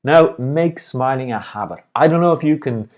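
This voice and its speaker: Male motivational coach, cheerful and encouraging, very animated intonation. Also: medium pitch, normal speed. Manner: upbeat, encouraging, smiling as he speaks. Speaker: life and business coach, host. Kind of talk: motivational video talk.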